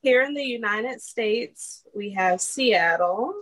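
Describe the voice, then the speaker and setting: A woman co-hosting a casual podcast chat, calmly listing places in a matter-of-fact way with some teasing. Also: fairly high pitch, takes it slowly, dry recording, rough recording. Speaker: podcast co-host reading analytics.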